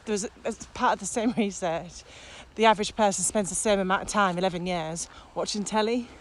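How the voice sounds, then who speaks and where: Recorded outdoors as she walks, with traffic clearly audible, a British corporate trainer co-hosts a casual podcast conversation. Her voice is medium-pitched and her pace brisk.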